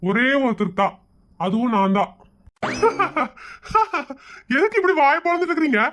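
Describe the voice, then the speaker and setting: A man's voice: extremely high pitch, big pitch swings, measured pace, a bit bright, a little hiss or hum, exaggerated voice. A man playing a pompous, easily offended lawyer in a comedy skit, self-important and indignant. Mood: boastful.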